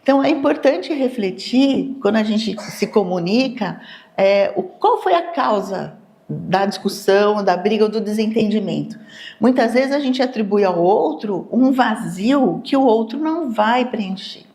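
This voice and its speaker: A woman with a Brazilian accent giving a live neuroscience lecture to an audience. She explains in a lively way and acts out everyday dialogues in quoted voices. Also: medium pitch, measured pace.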